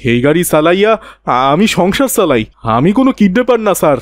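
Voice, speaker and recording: A man's voice: high-pitched, big pitch swings, quick pace, dry recording. A man voicing a frightened poor car driver in a cartoon, pleading in rustic colloquial speech.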